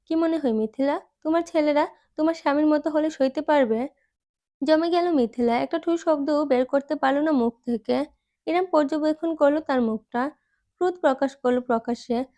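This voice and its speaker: A woman with a high voice narrates a romance novel as an audiobook, voicing the dialogue herself with dramatic delivery. The recording is close and dry, with no room sound. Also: a little mellow, no room sound.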